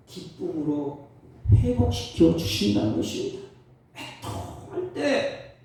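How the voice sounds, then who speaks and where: A male pastor preaching a Sunday sermon, swinging from loud exhortation to hushed, tender asides. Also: on the high side, slight background noise. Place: church sanctuary. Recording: roomy church sound from a distant mic.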